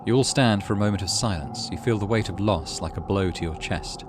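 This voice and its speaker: A middle-aged British man with a low voice hosts a gaming video, reading story text aloud at a brisk clip and tossing in casual commentary. There's noise in the background.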